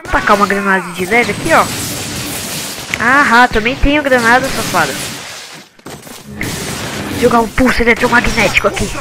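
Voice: mid-range voice, normal speed, long pauses, music in the background. A Brazilian game video host giving casual, slangy commentary, thinking aloud while playing.

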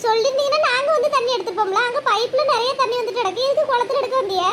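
A woman's voice: very high-pitched, racing, fairly bright tone, slight background noise. A woman voicing a bossy, bustling young village woman in a cartoon, hollering orders. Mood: urgent, bossy. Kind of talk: cartoon voice acting.

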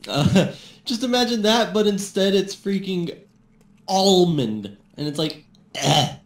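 Expressive and slow, with a voice that sits high, a young podcast guest talks casually, full of stammers, fillers and frequent giggles. It's recorded on a roomy mic with faint background noise.

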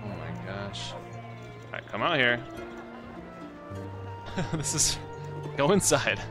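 A man's voice: mid-range voice, big pitch swings, slow pace, loud music behind the voice. A man casually commenting on his own gameplay as the host of a let's play, chatty and self-mocking, talking to the characters on screen.

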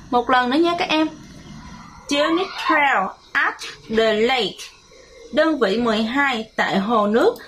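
A primary school English teacher with a Vietnamese accent runs a bilingual lesson for children, using slow, clear repeat-after-me drills. Her voice is fairly high and a bit bright, with a little hiss or hum underneath.

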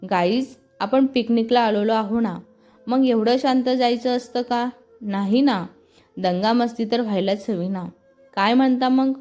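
A woman voicing a lively, chatty young woman who teases and fires off quick questions. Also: a little high, soft background music, close to an everyday voice. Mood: excited. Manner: bubbly, teasing, quick questions.

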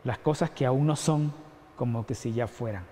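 At a normal speed and in a mellow tone, an Ecuadorian-accented pastor delivers his sermon with earnest rhetorical questions, lowering his voice for the important points. The recording carries long hall reverb.

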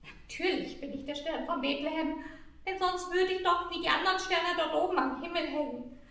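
A woman's voice: very high-pitched, moderate pace, vocal fry, fairly bright tone, exaggerated voice. A woman voicing a talking star, an eager, proud and insistent figure from a storybook. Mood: grumpy. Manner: insistent, self-assured. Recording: very echoey room, mic far off.

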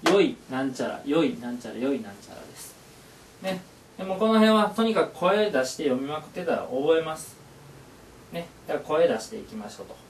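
A man teaches a lesson in an upbeat, encouraging way, repeating phrases aloud. His voice sits fairly high. It is recorded from some distance in an echoey room, with a faint hiss behind it. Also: very animated, a little fast. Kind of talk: classroom lesson.

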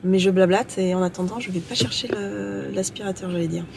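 A woman's voice: medium pitch, fairly even intonation, fairly quick, gravelly, darkish tone, slight background noise. A woman from France, a vlogger talking casually to a handheld camera while out running errands, rambling and breaking off mid-sentence. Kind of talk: casual vlog. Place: moving between a car, a supermarket and home.

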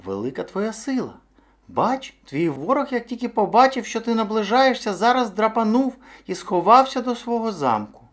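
A man doing a high, fawning little hare. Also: normal speed. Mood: sly. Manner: overly polite, flattering. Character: timid, sly little male hare, fawning. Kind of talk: storybook read-aloud.

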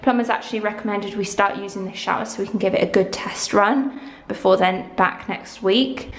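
A woman in her twenties giving a chatty, excitable house-tour vlog of her renovated bathroom, filmed on a handheld camera. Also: mid-range voice, moderate pace. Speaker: vlogger. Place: empty bathroom under renovation, indoors. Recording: echoey bare room.

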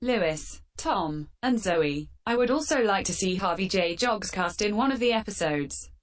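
A woman hosting a fan Q&A with sarcastic, deadpan answers, her voice run through a metallic filter. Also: mid-range voice, moderate pace. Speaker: channel host answering fan questions. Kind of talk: scripted comedic Q&A.

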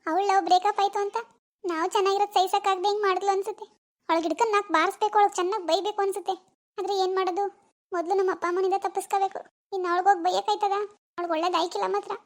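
A woman voicing an anxious teenage village schoolgirl in a cartoon, fretting in hushed scheming asides. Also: extremely high pitch, steady tone, rapid-fire. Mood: bitter fretting. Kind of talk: cartoon voice acting.

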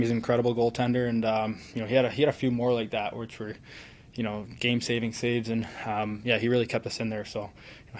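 Young guy at a press conference mic, earnest, lots of "you know", pretty flat delivery. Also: medium pitch. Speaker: hockey player. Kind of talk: postgame press conference answers. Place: arena press room. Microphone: table mic in front.

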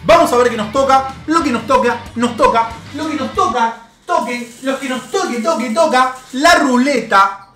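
A young man with an Argentine accent giving excitable gameplay commentary as a video game coach, cheering his players on with bursts of shouting. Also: extremely high pitch, moderate pace, few pauses. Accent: Argentine Spanish. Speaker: gaming YouTuber. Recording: roomy home setup with faint background music.

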